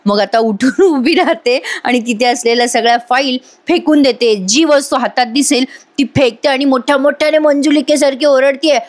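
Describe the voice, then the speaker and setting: Woman, voice-over soap recap, slightly high voice, talks straight to viewers, acts out lines. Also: moderate pace, few pauses. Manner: retells scenes and acts out each character's lines; chatty, addresses viewers directly. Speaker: TV serial reviewer.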